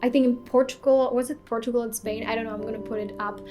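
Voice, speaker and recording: A woman's voice: on the high side, fairly even intonation, fast talker. A young woman from Slovakia ranting frankly in a casual video, with many fillers and restarts. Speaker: vlogger. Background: music.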